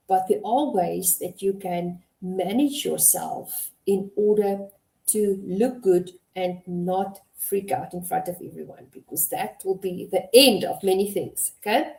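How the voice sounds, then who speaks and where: A middle-aged woman hosting a motivational talk on communication, speaking in a measured, deliberate way and stressing key words. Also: mid-range voice, warm tone. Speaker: host and communication coach. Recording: echoey room.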